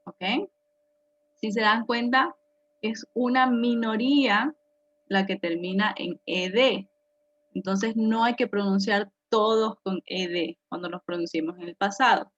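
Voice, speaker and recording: A Spanish-speaking woman teaches English pronunciation in a classroom, her mid-range voice steady and a bit bright. She is slow and patient, constantly checking in with "ok?". The lo-fi classroom recording sounds dull.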